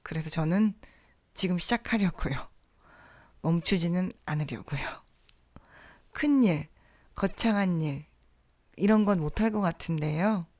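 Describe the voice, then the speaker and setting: Soft-spoken woman podcast host. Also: fairly low pitch, unhurried, pauses often, no echo. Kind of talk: scripted podcast monologue.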